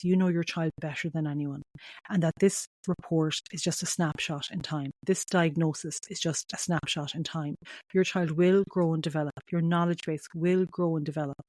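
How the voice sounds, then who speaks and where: A middle-aged Irish woman with a west of Ireland, County Mayo accent speaks quickly in a lowish register for a woman. She talks straight to the listener in a heartfelt, reassuring podcast style, recorded close and dry. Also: warm tone, no echo. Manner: reassuring, addresses listener directly, asks and answers own questions. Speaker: podcast host. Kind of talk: heartfelt solo podcast talk to parents.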